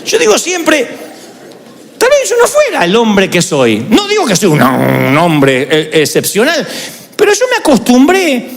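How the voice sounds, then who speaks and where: A man's voice: very high-pitched, unhurried, creaky, in a large hall. A middle-aged man preaching a sermon and mixing humor with personal stories. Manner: animated, humorous storytelling. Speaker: pastor.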